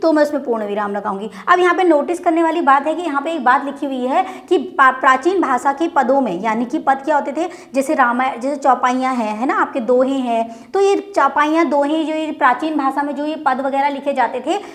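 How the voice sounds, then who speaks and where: A woman teaching a Hindi exam-prep lecture, often repeating points, asking herself rhetorical questions and slowing down to dictate word by word. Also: high-pitched. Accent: Uttarakhand Hindi. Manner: slows down to dictate words one by one. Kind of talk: classroom lecture.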